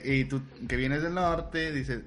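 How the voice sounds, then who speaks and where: Bright-voiced teasing Mexican podcast man. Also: medium pitch, fairly even intonation, a little slow. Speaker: podcast co-host. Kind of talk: casual chat.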